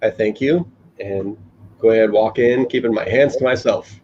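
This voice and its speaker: Mellow male tabletop player, slightly noisy recording. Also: on the low side, moderate pace, muffled recording. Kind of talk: casual in-game role-play talk.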